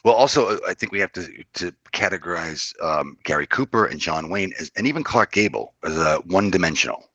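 An older man with a very low voice that still comes across bright and forceful. He talks about classic films in a measured, thoughtful way, often restarting his sentences, and the recording is dry with almost no room sound. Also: lively intonation, slightly rough, dry recording. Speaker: podcast guest. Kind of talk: casual film discussion.

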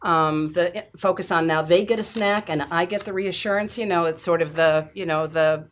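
A woman voiceover actor in a casual podcast interview, an animated storyteller who laughs easily. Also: lowish voice, moderate pace, a little hiss or hum.

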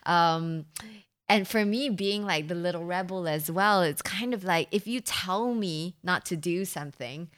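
A woman's voice: lowish voice, a little slow, a bit bright. A woman from Singapore hosting a casual chat, musing aloud and hedging with fillers.

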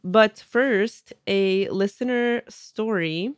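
A woman's voice: medium pitch, very slow, no echo, studio quality. A woman hosting a podcast who sounds stuffy and nasal from a cold, chatting casually, laughing easily and reading a listener's story aloud. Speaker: podcast host.

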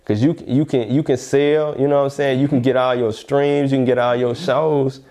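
A man's voice: medium pitch, fairly even intonation, moderate pace, mellow. A man from Alabama with a Southern accent, talking casually in an interview in slangy speech full of check-in phrases. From Alabama, United States. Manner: slangy, repeatedly checks "you know what I'm saying". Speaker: rapper being interviewed.

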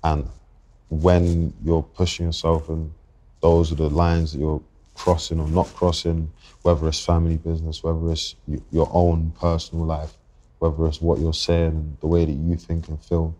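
A very deep-voiced young man from London talks through his thoughts as a podcast guest, his pitch staying level and even. He is reflective and halting, circling back and restarting sentences as he works out what he means. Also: a little hiss or hum. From England. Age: 20s. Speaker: guest rapper. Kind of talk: podcast interview.

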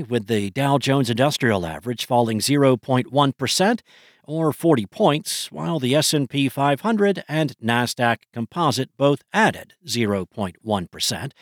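A man's voice: mid-range voice, no echo, studio quality. A man hosting a podcast, reading scripted financial news. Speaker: podcast host.

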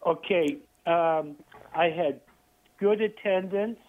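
A man's voice: high voice, slow. A man from Toronto calling in to a radio talk show over the telephone, speaking bluntly and bitterly. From Toronto, Canada. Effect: heard over a phone line. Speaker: radio phone-in caller. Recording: tinny telephone line.

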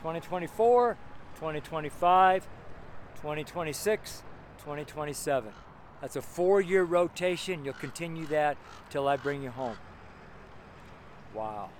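Out on a city street lined with buildings, a high-voiced man in his seventies delivers an improvised, informal sermon. He's expressive and unhurried, leaving long pauses, and his strong voice carries as he rambles, exclaims, and repeats phrases to drive points home. Street noise and traffic can be heard.

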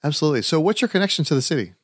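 Fast-talking upbeat podcast host man. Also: on the high side, big pitch swings, dry recording, clean studio sound. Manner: upbeat and enthusiastic. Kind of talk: podcast interview.

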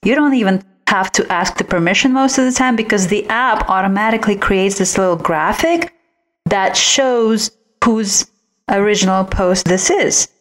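This woman, originally from outside the United States, is a visual branding expert appearing as an interview guest, explaining advice conversationally. Her pitch is medium and her pace moderate, though the recording quality is low.

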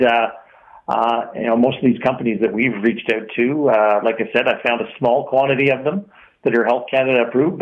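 A man's voice: medium pitch, highs cut off. A man speaking as a radio guest, rambling with many fillers. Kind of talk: radio discussion.

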